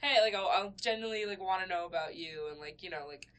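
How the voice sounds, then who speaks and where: A woman's voice: fairly low pitch, fast talker, a bit bright. A young woman co-hosting a casual podcast, rambling with lots of fillers and restarts, laughing often. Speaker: podcast co-host. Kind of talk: casual chat.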